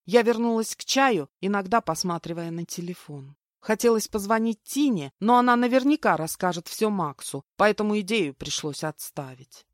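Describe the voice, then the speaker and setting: A woman giving lively first-person audiobook narration into a close mic. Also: medium pitch, moderate pace, hardly any pauses, no room sound.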